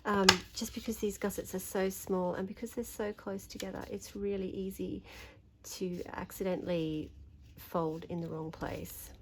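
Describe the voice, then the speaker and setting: An Australian woman with a slightly croaky voice, talking through a papercraft tutorial while she folds and trims, chatty and thinking aloud. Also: mid-range voice, little pitch movement, normal speed, a little mellow, slight background noise. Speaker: papercraft demonstrator. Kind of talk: craft tutorial narration.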